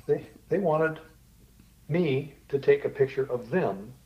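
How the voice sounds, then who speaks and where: A man's voice: on the high side, takes it slowly, a little hiss or hum. Chuckling male guest, slightly dull audio. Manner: chuckling, storytelling. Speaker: guest, TV show host. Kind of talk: casual interview chat.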